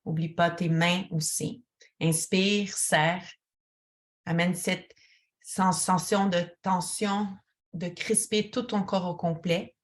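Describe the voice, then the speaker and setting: A woman with a voice on the low side, working as a yoga teacher, talks one listener through a relaxation. She gives calm, soothing instructions at a slow pace.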